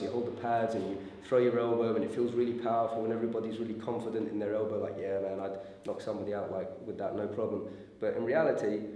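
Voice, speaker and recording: Hoarse, raspy man teaching in echoey room. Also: mid-range voice, mellow. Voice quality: raspy, strained voice. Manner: informal explaining with check-in questions. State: hoarse from a sore throat. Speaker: martial arts instructor. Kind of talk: hands-on demonstration lesson. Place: echoey indoor training room. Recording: very echoey room with faint noise.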